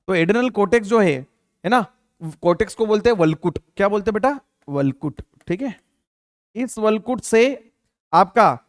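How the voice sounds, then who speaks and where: Guy teaching biology for exam prep, higher voice, keeps asking questions and answering them himself, dry close sound. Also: no echo. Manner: asks students questions and answers them himself, repeats terms; calls listeners beta, many fillers like theek hai. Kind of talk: Hindi exam-prep lecture.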